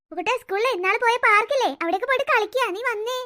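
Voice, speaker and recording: A woman's voice: extremely high pitch, racing, pushed and bright. A woman voicing a fussy cartoon mother of three who scolds and coaxes her children. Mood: coaxing. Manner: scolding, nagging, coaxing. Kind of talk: cartoon voice acting.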